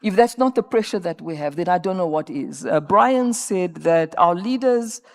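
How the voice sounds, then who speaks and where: A woman's voice: fairly low pitch, lively intonation, moderate pace, vocal fry. A woman in her fifties speaking on a conference panel, emphatic and rallying, sometimes repeating words as she searches for the next one. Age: 50s. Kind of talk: panel discussion remarks. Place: conference stage.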